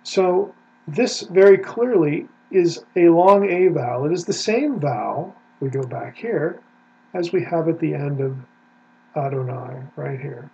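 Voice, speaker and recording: Scholar lecturing over a screen share, methodical and explanatory, slightly high, husky voice, lo-fi recording. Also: male voice, a little slow, warm tone. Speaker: Bible scholar teaching Hebrew. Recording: dull lo-fi sound with faint hum.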